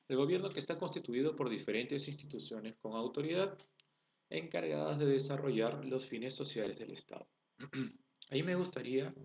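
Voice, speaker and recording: A man's voice: mid-range voice, creaky. A man with a Peruvian accent teaching a class, explaining step by step, asking rhetorical questions and checking in with his students. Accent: Peruvian Spanish. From Peru. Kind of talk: recorded online class lecture. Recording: dull lo-fi recording.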